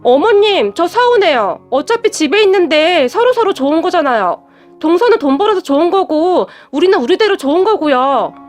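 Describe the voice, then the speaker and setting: 여자가 연기하는 뻔뻔한 손윗동서. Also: female voice, very high-pitched, very animated, moderate pace, faint music behind, voice pushed up. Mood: whiny. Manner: brazen, whiny. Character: brazen greedy sister-in-law, whiny.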